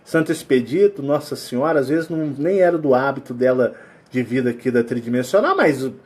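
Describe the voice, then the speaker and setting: A man with a Brazilian Portuguese accent giving a casual spiritual talk, sweating and animated as he acts out sounds and quotes. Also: mid-range voice, brisk, breathy edge. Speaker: spiritual channel host.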